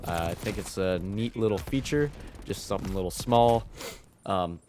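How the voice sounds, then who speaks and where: A man's voice: sits low, moderate pace, a little mellow, a little hiss or hum. A man recording gameplay commentary early in the morning, with a groggy morning voice, talking in an easygoing, chatty way. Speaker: gaming video creator.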